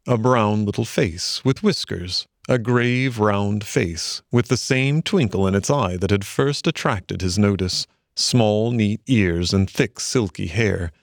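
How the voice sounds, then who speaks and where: A man narrating a storybook in an expressive, measured way. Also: fairly low pitch, creaky, no echo, clean studio sound. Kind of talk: storybook reading.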